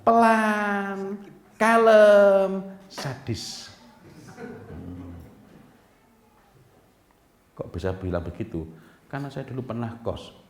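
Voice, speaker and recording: A man giving an Islamic parenting lecture, acting out small scenes and swinging between soft and loud. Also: sits high, extremely slow, pauses often. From Indonesia. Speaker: preacher. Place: lecture hall. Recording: echoey lecture hall.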